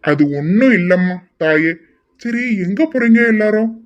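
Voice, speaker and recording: A man's voice: sits high, animated, a little slow. A man voicing a curious young man who keeps calling out and pestering everyone with questions. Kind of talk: amateur audio drama acting.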